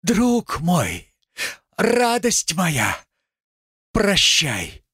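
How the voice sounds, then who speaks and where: A man's voice: high voice, huge pitch swings, extremely slow, bright, forceful tone, breathy edge, no echo, studio quality, voice pushed up, heavily acted. A man voicing an anguished young woman who yearns for death, in a breathless, lamenting recitation.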